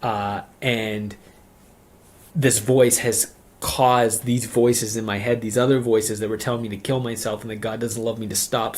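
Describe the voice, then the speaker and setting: A man with a lowish voice recounts his conversion testimony at a very slow, deliberate pace. He speaks earnestly and haltingly, circling back on phrases and leaning on "like" as he searches for words. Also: a little mellow. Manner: earnest, halting, with frequent "like" fillers and repeated phrases. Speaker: speaker giving a religious testimony.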